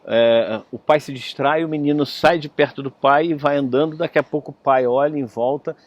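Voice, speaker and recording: Guy telling a story in a spiritist talk, raspy voice, chatty, lots of tag questions. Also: fairly high pitch, normal speed. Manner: conversational, often adds "né?". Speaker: spiritist lecturer. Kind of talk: storytelling sermon.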